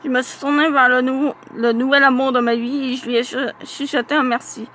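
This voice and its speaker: High-voiced woman reading a story aloud. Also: fairly quick, a little hiss or hum. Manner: lively, expressive storytelling with small slips. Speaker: reader of a youth novel. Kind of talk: reading a diary-style novel aloud.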